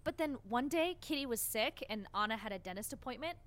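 A woman's voice: on the high side, animated, fairly quick. A woman voicing a young boy in an audio drama, earnest and scared but standing up for himself. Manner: earnest, rises to frightened yelling.

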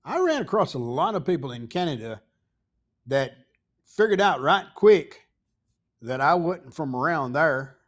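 An older Southern man from Tennessee with a thick local accent, his voice sitting a bit higher than most men's. He drifts through a casual story in a folksy way, stopping often for fillers and side remarks. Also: sing-song. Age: 60s or older. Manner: rambling, folksy, many pauses and asides. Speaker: podcast host.

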